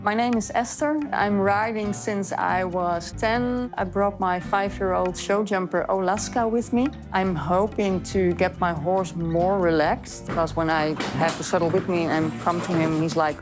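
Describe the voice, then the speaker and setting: A woman's voice: fairly low pitch, steady tone, a little slow, hardly any pauses, over music. A woman, a show jumping rider, introducing herself and her young horse in a plain, slightly amused way.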